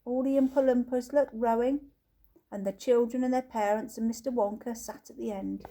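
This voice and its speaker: A woman narrating a children's book as an audiobook reader, telling the story in a lively way. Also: on the high side, normal speed.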